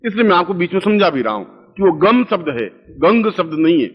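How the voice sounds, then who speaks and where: A man's voice: high voice, sing-song, brisk, slightly rough. A man leading a spiritual discourse as a guru, dictating a mantra syllable by syllable and chanting the syllables aloud for listeners to repeat. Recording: dull lo-fi recording with long hall reverb.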